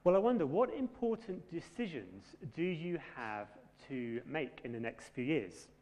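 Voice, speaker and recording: A man preaching a sermon in a conversational, gently humorous way. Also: on the high side, very animated, unhurried. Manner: conversational, self-deprecating humour. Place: church. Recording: long hall reverb.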